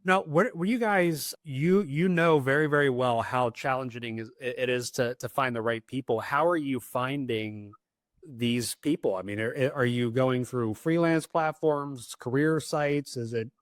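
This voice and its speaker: A man's voice: medium pitch, unhurried, dry recording. Guy hosting a podcast, hypes the guest, repeats words a lot, dry mic. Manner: enthusiastic, stumbles and repeats words. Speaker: podcast host. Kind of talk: casual interview talk.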